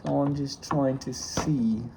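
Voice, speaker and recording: A man's voice: medium pitch, steady tone, slow, creaky. A man in a DIY car repair vlog doing a mock British accent, rambling chattily over a noisy background. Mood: chatty. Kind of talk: casual chat.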